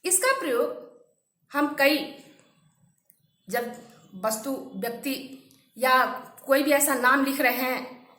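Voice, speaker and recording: A woman teacher giving a grammar lesson to students, explaining step by step and drawing out example sentences slowly. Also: high-pitched, pushed and bright, roomy sound.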